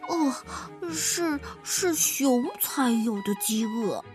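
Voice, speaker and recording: A woman voicing a big hungry bear in a storybook read-aloud, with a drawn-out, moaning delivery. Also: on the high side, expressive, music in the background.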